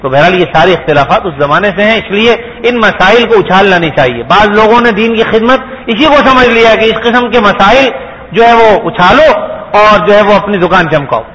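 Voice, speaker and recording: A man's voice: high-pitched, animated, a bit bright, low-quality recording. A man giving a sermon, explaining patiently and asking his listeners rhetorical questions. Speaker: Islamic preacher.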